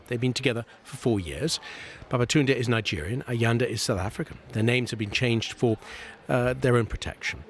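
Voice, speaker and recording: Male news radio presenter, calm and informative, middle pitch. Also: slight background noise.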